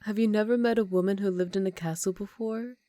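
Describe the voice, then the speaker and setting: A woman playing an ancient, aristocratic vampire countess in an intimate ASMR roleplay, speaking softly and formally with a teasing, condescending manner and some whispered phrases. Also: mid-range voice, steady tone, fast talker, dry recording, natural voice. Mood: coyly reassuring.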